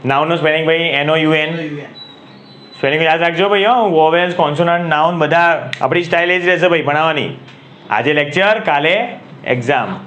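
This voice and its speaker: A man's voice: on the high side, steady tone, fairly quick, fairly bright tone, slight background noise. A man with a Gujarati accent teaching English grammar to a class, asking questions and repeating key words.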